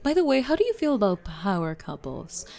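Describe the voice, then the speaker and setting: A woman playing a brisk, driven CEO on a speed date in a scripted ASMR role-play, formal and businesslike, with pointed questions. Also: medium pitch, big pitch swings, vocal fry, warm tone. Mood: probing, assured.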